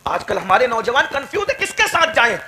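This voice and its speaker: A man preaching an impassioned sermon to a gathering, building to shouted climaxes and slowly chanting verses. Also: extremely high pitch, big pitch swings, poor audio. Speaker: Islamic preacher. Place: gathering with a responsive crowd.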